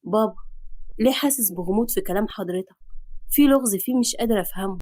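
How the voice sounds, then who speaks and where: A woman's voice: mid-range voice, fast, mellow, close to an everyday voice. A woman with an Egyptian accent voicing a worried young adult son in a storybook reading, earnest and anxious. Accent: Egyptian Arabic.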